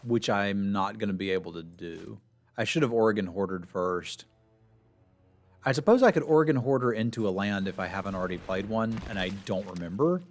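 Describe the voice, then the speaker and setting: A man's voice: on the low side, fairly quick, faint music behind. A man giving casual gameplay commentary as a streamer, thinking aloud about his moves with wry, self-deprecating humor. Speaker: card game player and streamer.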